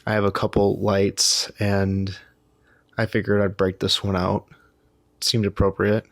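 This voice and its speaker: A tired man talks casually to the camera, rambling and poking fun at himself as he circles back over his own phrases. His voice sits a little low, and the sound is dry and close. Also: completely flat delivery, measured pace, no room sound. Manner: rambling and self-deprecating, with frequent restarts. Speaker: vlogger.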